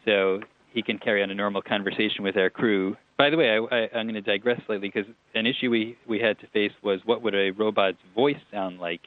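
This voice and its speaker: A man's voice: on the low side, steady tone, a little fast, few pauses, no room sound. A man being interviewed about a show he made, talking in a chatty, digressive way with small laughs and restarts. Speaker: TV writer-producer guest. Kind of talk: relaxed interview answers. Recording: tinny phone line.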